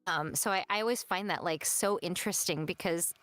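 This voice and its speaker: A woman's voice: on the low side, a little fast, a bit bright, clean tone, no echo, soft background music. A young adult woman, a voice actress guest, telling work stories in casual stream chat and laughing often. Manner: chatty storyteller, laughs often.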